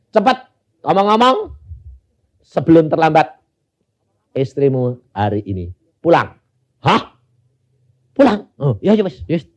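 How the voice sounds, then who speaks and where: An older man with a Javanese-inflected Indonesian accent preaching a sermon, telling stories and acting out the dialogue, swinging from loud bursts to near-whispers. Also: fairly low pitch. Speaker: pastor. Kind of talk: sermon with anecdotes.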